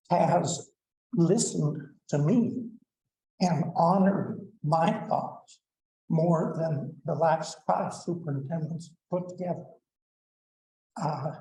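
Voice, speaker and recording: A man's voice: a little high, warm tone, echoey room, slight background noise, poor audio. A man in his seventies giving a plainspoken, blunt public comment at a school board meeting, with frequent "uh" fillers. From Colorado, United States. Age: 70s. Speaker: public commenter, retired superintendent.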